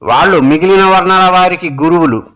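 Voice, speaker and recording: Man voicing a storybook king, proud and grieving, solemn declaiming, bright voice, fairly high. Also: a little fast. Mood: grave.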